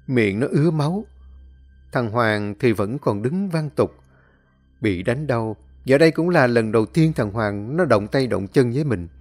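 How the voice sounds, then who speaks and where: A man's voice: mid-range voice, lively intonation, a little slow, a little mellow. A man narrating a dramatic story expressively, acting out the scenes.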